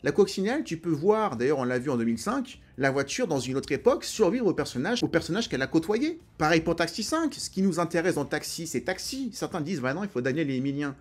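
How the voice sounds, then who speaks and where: A man's voice: fairly high pitch, sing-song, fast, hardly any pauses, husky. A man hosting an enthusiastic, chatty, opinionated film commentary. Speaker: film video host.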